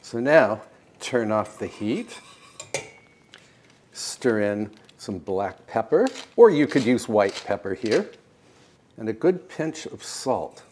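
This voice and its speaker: An older American man hosting a home cooking show, explaining each step in a calm, precise, gently encouraging way in his kitchen. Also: lowish voice, slow, pauses often, a little hiss or hum. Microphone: lapel mic.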